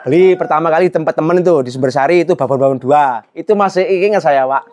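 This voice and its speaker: A man's voice: a little high, fast, a little mellow. A middle-aged man, earnestly telling his life story in an interview, often adding a polite "Pak". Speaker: goat farmer and trader.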